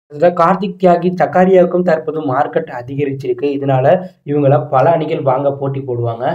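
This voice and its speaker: A man's voice: on the high side, mellow. A man with a Tamil accent narrating a cricket channel voice-over, steadily listing teams and prices in an explanatory way. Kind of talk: voice-over on auction predictions. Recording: roomy, dull lo-fi voice-over.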